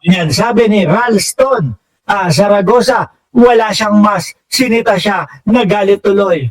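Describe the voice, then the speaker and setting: A Filipino man gives casual political commentary, reading viewer comments aloud and poking fun with frequent laughter. His voice sits high for a man. He is a little distant from the mic, so the sound is slightly roomy. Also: a little slow. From Philippines. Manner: mocking, laughs often, addresses viewers as bossing.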